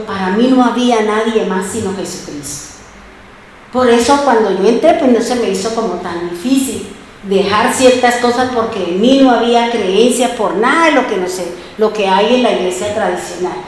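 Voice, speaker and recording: A woman's voice: on the high side, heavy reverb, a little hiss or hum, low-quality recording. A woman preacher giving an emphatic sermon, asking her congregation rhetorical questions. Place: church.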